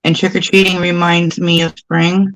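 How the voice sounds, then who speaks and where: A woman's voice: lowish voice, flat delivery, normal speed, a bit bright, dry recording, low-quality recording. A woman in her forties chatting casually on a livestream, talkative and poking fun at herself. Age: 40s. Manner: talkative, self-deprecating.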